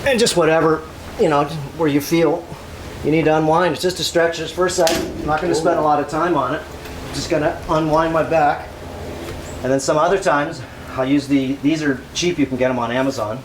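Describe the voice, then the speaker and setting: A man's voice: fairly high pitch, steady tone, a little fast. A man giving a casual, rambling exercise demonstration, instructing as he goes and repeating himself. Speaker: workout host. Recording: clearly noisy ambient background.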